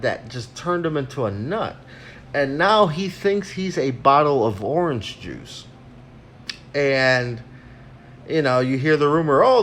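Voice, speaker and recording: A man rambles through a crude, casual rant, recorded on a phone while he snacks. His pitch swings widely from low mutters to sudden high bursts. A faint background hiss sits under the voice. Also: fairly bright tone. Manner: crude, rambling, frequent fillers. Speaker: vlogger.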